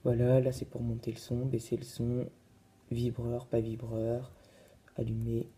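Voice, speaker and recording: A man's voice: mid-range voice, monotone, unhurried, warm tone. A man casually reviewing a phone in his vlog, hesitant and full of fillers. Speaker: vlogger.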